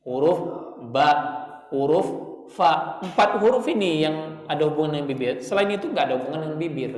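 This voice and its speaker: A man's voice: on the high side, a little mellow. A man with an Indonesian accent teaching Quran pronunciation in a prayer room, patiently demonstrating letter sounds over and over. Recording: echoey hall, mic at a distance.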